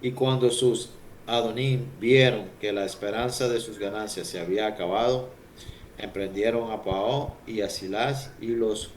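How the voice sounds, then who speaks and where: Guy reading bible verses kinda far from the mic, noisy background, trips over words sometimes. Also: lowish voice. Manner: reads steadily with occasional stumbles and restarts. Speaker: Bible reader and discussion leader. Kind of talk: reading scripture aloud, then casual discussion. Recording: distant mic with noticeable background noise.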